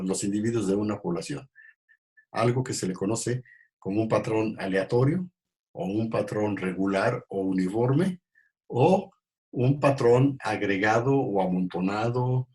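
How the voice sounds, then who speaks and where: A man gives an ecology lecture in a fairly low voice. He talks in halting stretches, full of fillers and restarts. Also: a little mellow. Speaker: ecology teacher. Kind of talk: recorded class lecture.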